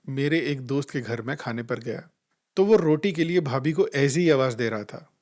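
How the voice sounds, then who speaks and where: A man giving a calm, reflective spiritual talk. He tells gentle anecdotes and acts out the voices he quotes. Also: medium pitch, normal speed. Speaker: spiritual life coach.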